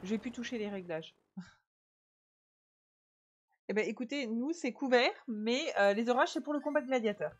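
A woman chatting softly with viewers while she streams a video game on a headset mic. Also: fairly high pitch, normal speed, pauses often, dull audio, slight background noise. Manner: soft-spoken, chatty with viewers. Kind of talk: casual live-stream chat while playing. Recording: game music under the voice. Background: game music.

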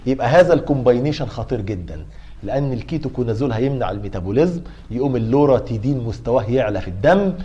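A man's voice: mid-range voice, lively intonation, racing, mellow, lo-fi sound. A middle-aged man with an Egyptian accent giving a university pharmacology lecture, asking and answering his own questions to coax his students along. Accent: Egyptian Arabic.

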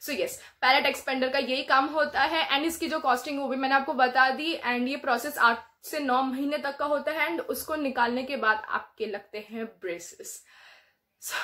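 A woman's voice: sits high, fairly even intonation, normal speed, sharp tone. A young woman, chatting casually about her dental treatment while talking with braces on, laughing often. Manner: chatty, mixing Hindi and English, laughs often. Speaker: vlogger. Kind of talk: casual chat.

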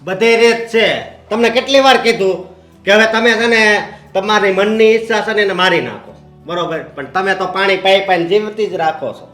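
A man's voice: sits high, normal speed, fairly bright tone, soft background music. A quarrelsome son hungry for his inheritance, as an actor plays him. He argues, and the echoey room rings around his pressing tag questions. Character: grasping son and heir, quarrelsome.

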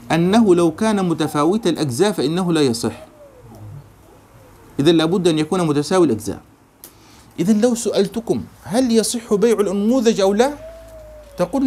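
Male law teacher, reads slowly, quizzes his class. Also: high voice, a little mellow. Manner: reads text slowly, then explains with questions to students. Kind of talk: classroom lesson explaining a text.

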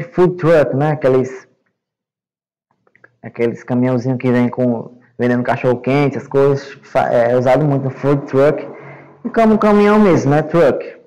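A Brazilian male English teacher giving a recorded online class to young students, explaining slowly and patiently and checking understanding often. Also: medium pitch, darkish tone, poor audio. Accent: Brazilian Portuguese. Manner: repeats words and checks with "né?" and "certo?".

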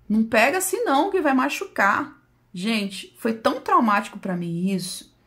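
A woman's voice: medium pitch, fairly bright tone. A woman from Brazil, host of her own channel, telling viewers an emotional personal story and often calling them "gente".

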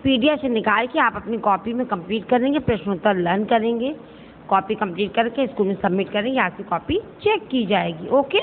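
A woman teaching a primary school lesson, patient and repetitive, calling her pupils "beta" and slowly spelling out words for them to repeat. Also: medium pitch, expressive, a little hiss or hum. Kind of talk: online class lesson. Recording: tinny phone-like audio in a reverberant room.

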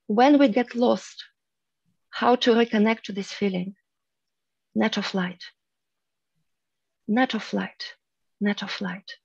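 A woman in her thirties leads a spiritual teaching on a headset mic, her tone soft and earnest. She lingers on words with long pauses. Her voice sits mid-range, and the dry, slightly dull video call audio keeps the room out of it. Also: mid-range voice, steady tone, creaky, husky, no room sound. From Russia. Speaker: meditation group leader. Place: room at home, indoors.

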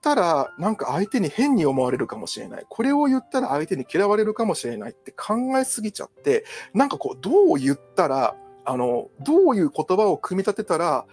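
A man's voice: high voice, very animated, a little fast, few pauses, darkish tone, slightly rough, faint music behind. A Japanese male counselor talking casually on his own, rambling with many fillers and asides. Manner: chatty, digressive, many fillers. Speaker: psychological counselor. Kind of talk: casual solo talk.

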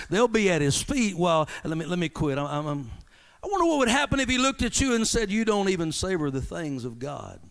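Gravelly high-voiced preacher. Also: male voice. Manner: impassioned preaching that swings from shouts to hushed asides; banters with the congregation. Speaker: pastor. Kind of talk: sermon. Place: church sanctuary.

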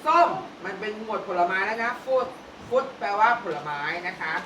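A woman kindergarten teacher running a classroom vocabulary drill. She repeats each word slowly and coaxes the children while staying firm. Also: mid-range voice, lively intonation, fairly bright tone. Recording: echoey room from far off, clear noise.

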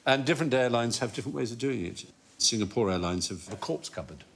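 A man's voice: medium pitch, animated, fast talker, gravelly, a little hiss or hum. A middle-aged man hosting a comic quiz show in a TV studio, eloquent and often laughing at his own facts. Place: large TV studio, seated at a desk.

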